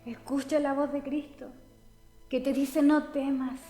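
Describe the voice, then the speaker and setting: A woman preaches in a high, earnest voice, speaking straight to her listeners. Her words ring with a long reverb, with soft music beneath. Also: flat delivery. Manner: earnest, direct address to listeners with pauses. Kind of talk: sermon. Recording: echoey hall with soft music. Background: soft background music.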